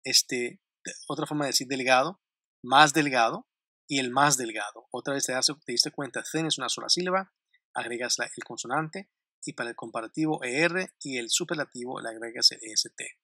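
Bright-voiced man teaching grammar. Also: mid-range voice, no room sound, studio quality. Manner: repeats word lists slowly and clearly, with light laughs. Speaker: English teacher. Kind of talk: grammar lesson explaining English to Spanish speakers.

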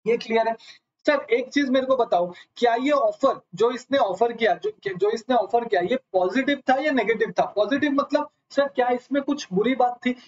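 A man's voice: very high-pitched, moderate pace. A man teaching a live online lecture, asking his students question after question and calling them sir. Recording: slightly dull lo-fi audio.

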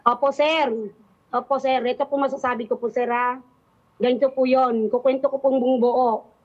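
A high-voiced woman calls in to defend herself, explaining her side insistently. Her voice comes through a dull, lo-fi phone line. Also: level tone, moderate pace. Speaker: caller answering a complaint.

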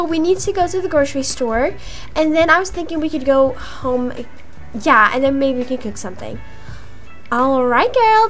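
A young woman with a high-pitched, animated voice improvises Roblox roleplay dialogue as a gaming video creator voicing characters, with music playing behind her.

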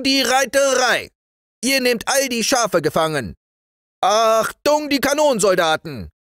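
A man voicing a gruff, bossy toy-soldier sergeant who barks commands in a storybook reading. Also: sits high, a bit bright, no room sound, clean studio sound, voice pushed up. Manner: barked commands.

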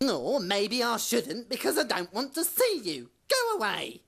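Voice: mid-range voice, wildly swooping pitch, measured pace, creaky, fairly bright tone, full character voice. A performer voicing a grumpy, unfriendly woodlouse in a kids' puppet show, curt and snappy.

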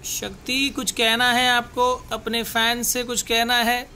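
A man's voice: very high-pitched, monotone, slow pace, pushed and bright, slight background noise. A man talking playfully to his baby daughter, cooing in sing-song, lisping baby talk.

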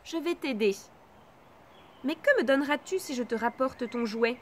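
A woman voicing a frog in a read-aloud fairy tale, eager and insistent, calling out high and loud. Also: lively intonation, normal speed, slight background noise. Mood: coaxing.

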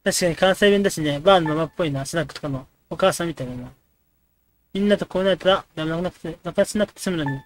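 A man casually commenting and joking while playing a dating game. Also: on the high side. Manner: quick, joking reactions to the game. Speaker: let's play host.

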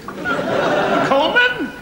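A man's voice: very high voice, wildly swooping pitch, very slow, over a noisy crowd, full character voice. An actor playing an indignant man who has been rudely awakened, in radio comedy style. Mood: startled, indignant. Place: large concert stage with audience. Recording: noisy archive stage recording, echoing hall, audience.

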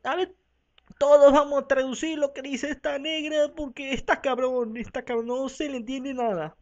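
A comic dubber with a Mexican accent voices a whole talk show alone, swapping between voices and packing every line with crude slang. The voice sits high, and the lo-fi home recording sounds dull and muffled. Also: steady tone, normal speed. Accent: Mexican Spanish. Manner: rowdy, profane slang, switches between voices. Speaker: fan dubber voicing every part.

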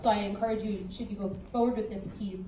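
A woman dance instructor giving a measured, encouraging critique with some fillers. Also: medium pitch, steady tone, noisy background. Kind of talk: spoken critique. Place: dance studio or theater. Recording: roomy echo, distant mic.

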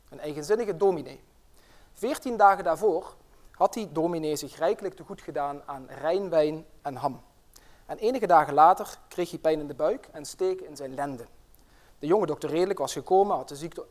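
Middle-aged man, professor, inaugural lecture, friendly, fillers, storytelling, fairly high voice. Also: a little mellow. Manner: friendly, with frequent fillers, tells a tale. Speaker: professor and general practitioner.

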